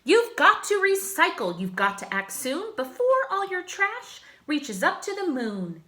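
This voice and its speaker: Storybook boy superhero, voiced by a woman: bold, proclaiming, forceful, high-pitched. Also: very animated, unhurried, heavily acted. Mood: urgent. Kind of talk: rhyming picture book read-aloud.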